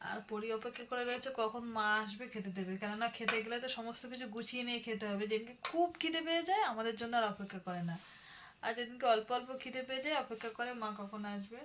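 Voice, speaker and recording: Mom vlogging at home, chatty, lots of background noise. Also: female voice, a little high, fast. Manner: chatty, explains everyday chores to viewers. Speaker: vlogger and mother. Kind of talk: casual daily vlog narration. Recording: noisy home recording.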